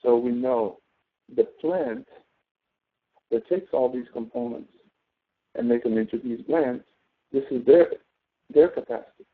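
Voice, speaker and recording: Over thin, phone-like audio, a man teaching an online class as a professor walks through the material informally, step by step, frequently checking in with "okay?". He has a mid-range voice, speaks a little slowly and leaves long pauses.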